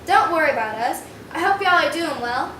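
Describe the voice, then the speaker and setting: A woman acts an earnest young character in a scripted wartime drama, with a very high voice. It is picked up from a distance in an echoey room with clear noise. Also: animated, normal speed, bright, forceful tone. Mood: chatty. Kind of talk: amateur scripted period drama.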